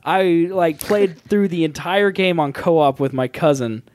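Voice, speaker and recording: A man's voice: a little high, unhurried, a little mellow, no room sound. A man hosting a casual chat show, joking and rambling and laughing often. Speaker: podcast host.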